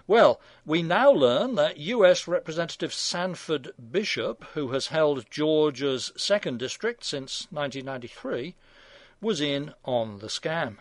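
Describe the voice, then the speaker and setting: A man in his sixties reads his scripted commentary with a wry, sardonic edge. His voice sits a little high for a man, and the studio sound is close and dead, with no room echo. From England. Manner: dry, sardonic, wry asides. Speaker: radio commentary host.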